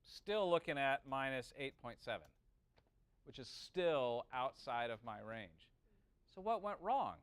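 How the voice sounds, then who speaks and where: A male audio engineering instructor reasons through a calculation in an informal class, checking in now and then with quick questions. His voice sits on the high side, clear and resonant, and the recording has no echo.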